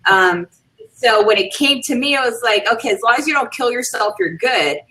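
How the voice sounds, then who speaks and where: A woman's voice: a little high, expressive, normal speed, pushed and bright, rough recording. A middle-aged woman from Puerto Rico speaking thoughtfully, with frequent "um"s, as a panelist in a casual online discussion. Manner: thoughtful, hesitant, many "um"s.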